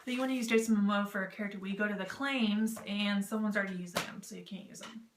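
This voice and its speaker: A woman vlog host with a mid-range voice talks fast to the camera, giving tips on written role-playing in a rambling, informal, self-deprecating and jokey way. Faint music plays behind her, and the room has a roomy echo with clear background noise.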